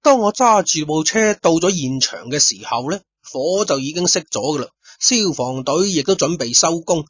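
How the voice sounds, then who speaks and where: A man with a husky voice on the high side narrates a detective story in first person, talking straight to his listeners with chatty, lively asides. The dry studio recording sounds dull and lo-fi, with no room sound.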